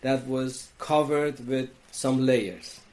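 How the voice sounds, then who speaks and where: A man from Iran with an Iranian accent, a wellness coach speaking as a podcast guest, talking in a slow, reflective way with frequent restarts. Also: mid-range voice, a little mellow. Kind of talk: reflective interview talk.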